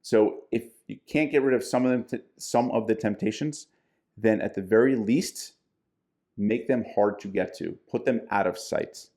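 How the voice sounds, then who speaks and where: A man with a low, gravelly voice chats casually on a podcast. His tone is dark and mellow as he gives plain, practical advice on eating well. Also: normal speed. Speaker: podcast co-host, diet coach.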